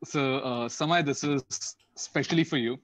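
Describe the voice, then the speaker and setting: A man's voice: medium pitch, normal speed, fairly bright tone, no room sound. A man in his thirties with an Indian accent, casually presenting as a guest over a video call. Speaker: guest artist presenting his team's work. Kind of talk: casual presentation mixing English and Hindi. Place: indoor room on a video call. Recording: dull lo-fi video call audio.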